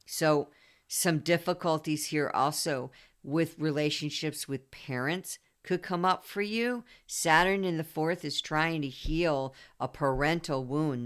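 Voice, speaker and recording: A woman's voice: low voice, unhurried. A woman astrologer giving an emphatic, preachy reading, often repeating herself for stress.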